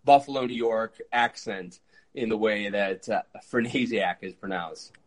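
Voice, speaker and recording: A man in his early thirties hosting a podcast interview, eager and quick, with frequent fillers. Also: fairly low pitch, low-quality recording. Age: 30s. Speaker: podcast host. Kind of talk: conversational interview.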